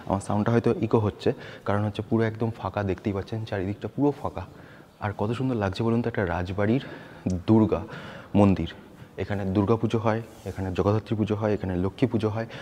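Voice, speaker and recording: A man's voice: fairly low pitch, mellow, slight background noise. A man vlogging a casual walking tour, chatty and guiding viewers, his voice echoing through a large empty hall. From West Bengal, India. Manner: chatty, guiding viewers, tags English words into his talk. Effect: echoey sound from a large empty hall. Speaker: travel vlogger. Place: empty open hall of an old palace temple.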